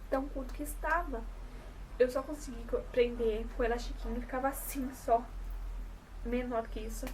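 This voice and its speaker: A woman's voice: fairly high pitch, darkish tone. Young Brazilian woman vlogger, São Paulo coast accent, chatty and rambling, slightly distant mic with a faint room hum. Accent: São Paulo coast Brazilian Portuguese. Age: 20s. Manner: chatty, rambling, self-correcting. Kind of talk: casual to-camera vlog.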